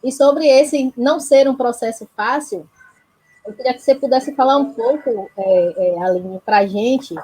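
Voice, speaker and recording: Casting: woman, Bahian Brazilian accent, raised pitch, husky tone, earnest conversational host delivery. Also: darkish tone, poor audio. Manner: earnest, frequent tag questions seeking agreement. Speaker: panel host, health project institutional supporter. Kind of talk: reflective conversational talk.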